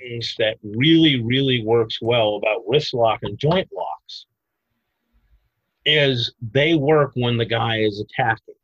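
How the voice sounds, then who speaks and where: A man explaining self-defense techniques in a podcast interview, animated and emphatic, breaking into loud mock outbursts. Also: medium pitch, takes it slowly, dry recording, lo-fi sound.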